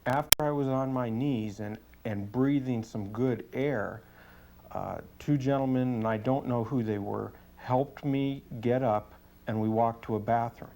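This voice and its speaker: With a creaky, a little mellow, medium-pitched voice, a police sergeant testifies, plainly and matter-of-factly answering interview questions. His manner is earnest and deliberate, and there is slight background noise.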